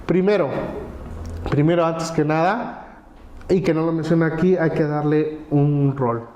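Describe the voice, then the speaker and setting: A man speaking in a conversational webinar, walking through ideas step by step. His voice sits a little high and sounds mellow. The room around him is echoey. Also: fairly even intonation, measured pace, highs cut off, slight background noise. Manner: explains with lists of examples, tag questions. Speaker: webinar presenter on AI prompts.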